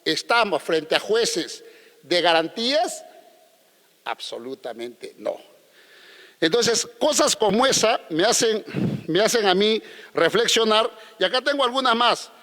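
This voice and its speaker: A man's voice: high voice, expressive, a little slow, fairly bright tone, long reverb tail. A man, a lawyer giving a conference talk, combative and full of rhetorical questions. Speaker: lawyer speaking at a legal conference.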